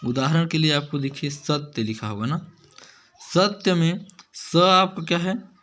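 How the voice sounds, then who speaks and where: A man's voice: fairly high pitch, measured pace, a bit bright. A man teaching grammar in a video lesson. He asks the learners questions, answers them himself, and often adds checking tags.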